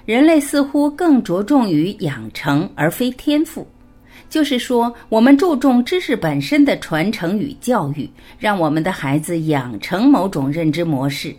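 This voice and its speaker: A woman's voice: medium pitch, darkish tone. A woman reading a written interview aloud, voicing both sides and announcing each speaker's label.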